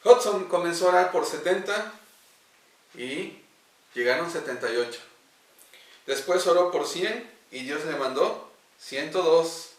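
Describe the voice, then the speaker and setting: A man's voice: fairly high pitch, animated, unhurried, long pauses. Earnest man telling a devotional story. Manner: earnest, with hesitant fillers. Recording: echoey room, distant mic.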